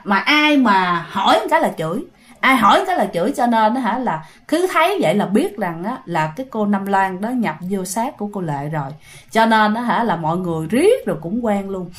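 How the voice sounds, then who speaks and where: Speaking with a Southern Vietnamese accent and a mid-range voice, a woman tells a ghost story in a chatty, casual way, talking directly to her listeners.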